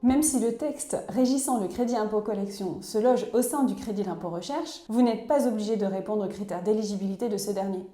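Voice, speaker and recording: A woman reading a scripted voice-over explainer in a clear, measured, instructive way. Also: medium pitch, mellow, reverberant, soft background music. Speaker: narrator of a tax explainer video.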